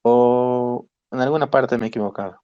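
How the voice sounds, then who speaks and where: A man's voice: mid-range voice, steady tone, normal speed, clean tone, no room sound. Man teaching chemistry, patient. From Bolivia. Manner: patient, explains step by step, checks in often with "¿sí?". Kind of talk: online class lecture. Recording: dry, dull lo-fi call audio.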